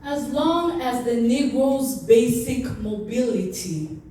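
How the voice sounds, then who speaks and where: Woman doing a dramatic speech recital, really slow n high pitched, oratorical, super echoey and off the mic. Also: expressive, dark tone, far from the mic. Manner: impassioned, oratorical, with deliberate pauses and repetition.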